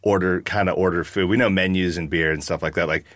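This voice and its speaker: A man's voice: low voice, steady tone, fast talker, fairly bright tone, no room sound, studio quality. A man from the United States, chatting about his band in a rambling, jokey interview. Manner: rambling, jokey, lots of fillers. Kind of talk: casual interview chat.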